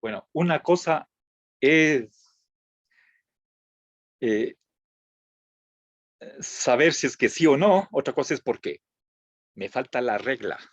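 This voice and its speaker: A man teaching a philosophy class, pausing to check in with his students and restarting phrases as he goes. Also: medium pitch, lively intonation, no echo. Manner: checks in with frequent "¿sí?", halting restarts. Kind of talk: classroom lecture. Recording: dull lo-fi dry recording.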